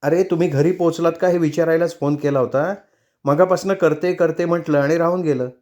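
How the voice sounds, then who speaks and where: A gentle elder sister checks in with quiet concern, as a male storyteller puts her on. The voice is pitched above the reader's own but stays soft. Heard in a novel being read aloud. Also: fairly even intonation, brisk, natural voice.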